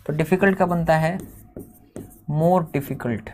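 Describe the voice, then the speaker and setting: A man's voice: on the high side, a little mellow, slight background noise. A man teaching a grammar lesson, explaining step by step and drawing out each example word. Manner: explains step by step, slows and drags out example words.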